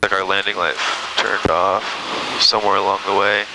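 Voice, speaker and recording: A man with a lowish voice coaches a student pilot through a cockpit headset. He talks calmly and easily, without fuss. A steady, heavy engine drone sits under every word. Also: moderate pace, background noise. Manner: calm, relaxed coaching. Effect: pilot speaking over a cockpit headset intercom. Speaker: flight instructor. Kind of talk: instructing in flight. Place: small airplane cockpit in flight.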